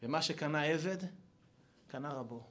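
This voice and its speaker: A male rabbi giving a Torah talk at a gathering, telling stories in an animated way. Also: fairly high pitch. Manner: animated storytelling, acts out voices.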